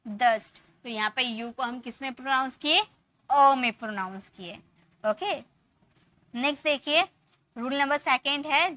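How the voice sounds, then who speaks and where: A woman's voice: high-pitched, bright, forceful tone. A woman teaching English pronunciation rules, patiently repeating example words and asking her students questions.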